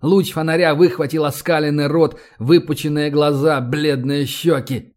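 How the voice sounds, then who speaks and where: A man narrating an audiobook in a steady, measured reading voice. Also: fairly high pitch.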